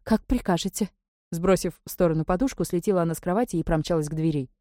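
A woman narrating an audiobook in the first person, measured and wry. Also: fairly low pitch, steady tone, dark tone, no room sound, studio quality.

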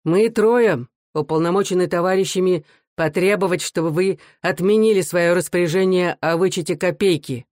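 A reader voicing a young worker who speaks loudly and firmly for his comrades. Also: medium pitch, fairly even intonation, moderate pace, no room sound, studio quality, lightly acted. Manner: loud, firm and plain-spoken. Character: young worker spokesman, firm and principled man. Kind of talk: audiobook character voice.

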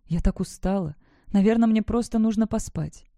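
An expressive audiobook reader narrating a novel in the first person with a dramatic touch. The voice is mellow and unforced, recorded dry and close with no room sound. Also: medium pitch, normal speed, no echo.

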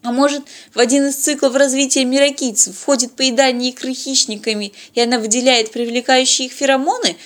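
A woman's voice: sits high, steady tone, fairly quick, hardly any pauses, voice pushed up, close to an everyday voice. A woman voicing Polina, a young female crew member and zoologist in a science-fiction audiobook, reasoning aloud in an earnest rush. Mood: musing.

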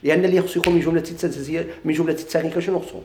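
رجل بلهجة مغربية يلقي درساً في الفرائض، يكرر المصطلحات ويسأل طلابه. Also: male voice, fairly high pitch, fairly even intonation, very fast, mellow, reverberant. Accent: Moroccan Arabic. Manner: repeats key terms, quizzes students. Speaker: teacher of Islamic inheritance law. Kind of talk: classroom lecture, questions and answers.

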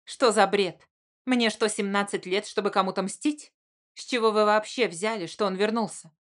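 A woman's voice: mid-range voice, moderate pace, natural voice. A woman voicing the heroine, a grown woman who speaks with biting sarcasm. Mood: sarcastic.

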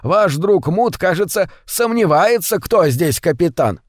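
A man's voice: high-pitched, expressive, a little slow, no echo, voice pushed up. Male reader doing a cold, aloof ship's captain, dry close sound. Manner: cold and condescending. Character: cool, calculating male ship captain.

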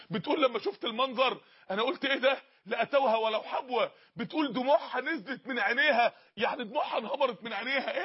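Fast, impassioned high-voiced male preacher. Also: husky, dull audio. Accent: Egyptian Arabic. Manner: impassioned, pleading, rapid. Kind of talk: fiery Egyptian sermon.

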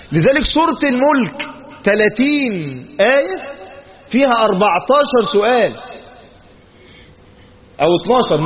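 A man with an Egyptian Arabic accent teaches a Quran commentary lesson, reciting verses and then explaining them in colloquial talk. He keeps asking questions and answering them himself. His slightly high voice comes through a tinny, lo-fi, phone-like recording.

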